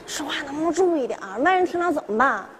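An actress playing a petulant young daughter, in a stage sketch. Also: female voice, sits high, expressive, quick pace, crowd noise, noisy background. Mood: complaining. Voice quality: petulant, complaining. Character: sulky young woman, the daughter.

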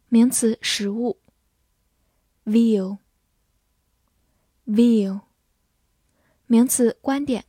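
Slow, mellow woman reading word lists. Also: medium pitch, no echo, clean studio sound. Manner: reads each word twice, then part of speech and meaning. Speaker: English vocabulary teacher. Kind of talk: slow scripted vocabulary lesson.

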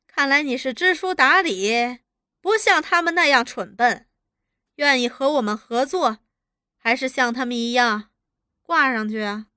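A woman voicing a scheming, cruel male officer who mocks and threatens, barking orders loudly. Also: sits high, a little slow, clear, resonant tone, dry recording, clean studio sound. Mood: menacing. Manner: mocking, threatening, loud barked orders.

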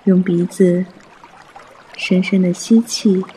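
A man guiding a mindfulness meditation in a soft, hushed, breathy voice, gentle and soothing, with long pauses. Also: sits high, steady tone, a little hiss or hum. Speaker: meditation guide.

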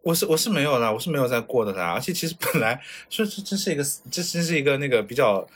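A man from China talking fast in a casual podcast chat, his voice swooping up and down as he tells his stories. There's a husky edge to his tone, and he slips into the voices of the people he's describing. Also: medium pitch. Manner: lively storyteller, mimics voices in his stories. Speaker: podcast co-host. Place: lives in Japan.

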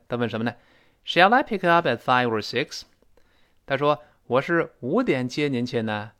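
A man teaching a spoken English lesson, chatty and joking, who drills phrases slowly and repeats them. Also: medium pitch. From China.

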